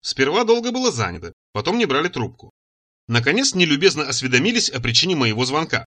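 A man narrating a first-person audiobook in an expressive, ironic manner. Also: a little high, fast talker. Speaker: audiobook reader.

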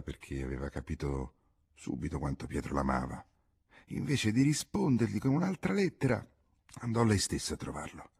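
A man reading a classic novel aloud as an audiobook narrator, expressive and dramatic. His voice is very low and gravelly, with a husky grain and a lively, rising and falling melody. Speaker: audiobook reader.

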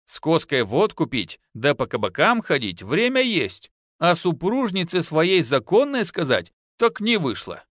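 A man's voice: on the high side, huge pitch swings, unhurried, fairly bright tone, dry recording, studio quality, voice pushed up, heavily acted. A man voicing an earthy, teasing young peasant wife in an audiobook, with folksy, scolding speech. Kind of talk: audiobook narration.

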